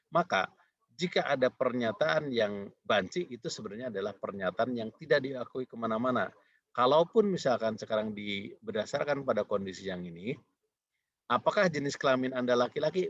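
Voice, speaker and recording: A man's voice: medium pitch, breathy edge, no room sound, muffled recording. A man giving a recorded programming lecture, talking in a rambling, repetitive way with many fillers.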